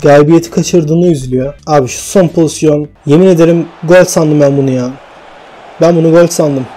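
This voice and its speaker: Excitable man commentating his own football game. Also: a little high, brisk, slight background noise. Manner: shouts and groans at the match, then calm recaps. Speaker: gaming YouTuber. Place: home room at night.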